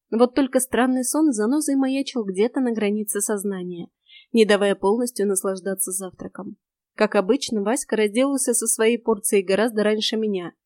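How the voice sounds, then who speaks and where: A woman's voice: fairly high pitch, no room sound. Woman narrating an audiobook, dry sound. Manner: steady expressive storytelling. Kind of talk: first-person audiobook narration.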